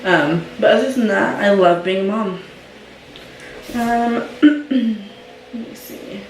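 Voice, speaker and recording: In a slow, mid-range voice, a young adult woman makes casual conversation as a mom vlogger, dropping "um" and "like" throughout. The clip has a small amount of hiss or hum and sounds roomy, as if recorded from afar.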